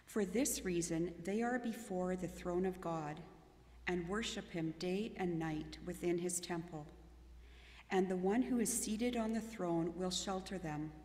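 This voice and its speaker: A woman reads scripture slowly and deliberately in a church sanctuary. Her voice sits a little low, and it carries with a long, roomy reverb from the hall. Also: dark tone. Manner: slow, measured reading. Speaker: scripture reader. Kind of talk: liturgical scripture reading.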